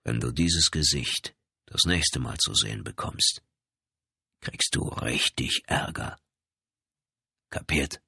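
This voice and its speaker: A man's voice: mid-range voice, moderate pace, bright, forceful tone, no echo, clean studio sound, voice pushed up, lightly acted. A man voicing a brutal, mocking police lieutenant in an audiobook, barking orders with a sneer. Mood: low menace. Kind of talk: audiobook character voice.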